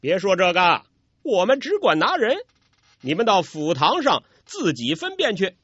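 Male storyteller voicing a blustering officer who barks orders, high and strained, dry dull sound. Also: wildly swooping pitch, normal speed, no echo, heavily acted. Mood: pompous. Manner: loud, pompous, shouting orders. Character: blustering official, middle-aged man.

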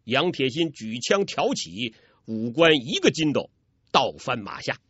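A man narrating a martial arts story in a lively, dramatic storytelling manner. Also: mid-range voice, unhurried, husky, no room sound. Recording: dull, dry recording.

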